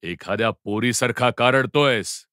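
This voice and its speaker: A man's voice: mid-range voice, unhurried, fairly bright tone, smooth, dry recording, studio quality, lightly acted. Man voicing a harsh Hun warlord king. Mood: scornful. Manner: barking, scornful orders. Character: ruthless Hun king, middle-aged, harsh, commanding.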